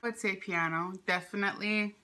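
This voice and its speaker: A relaxed woman in her twenties from Hawaii, chatting easily as an interview guest and laughing often. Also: medium pitch, a little fast. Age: 20s. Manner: relaxed, giggly, easygoing. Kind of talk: casual conversational interview.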